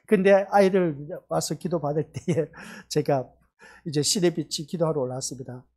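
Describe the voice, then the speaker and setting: Husky, high-voiced Korean pastor preaching. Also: male voice, moderate pace, a little mellow. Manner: earnest preaching, telling an anecdote about children with quoted dialogue. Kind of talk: sermon. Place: church sanctuary.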